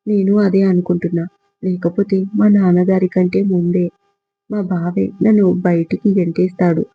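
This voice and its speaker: An impulsive, spirited young woman, put on by a male storyteller, who speaks in quick, dramatic bursts. The voice stays high and gravelly. Faint music runs under a slightly dull audio-story recording. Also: level tone. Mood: tearful.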